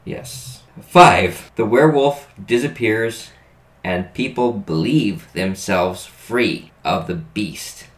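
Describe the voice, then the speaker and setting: A man's voice: on the low side, slow. A man co-hosting a podcast, reading old articles aloud and joking, stumbling over hard words. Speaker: podcast co-host. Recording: echoey room.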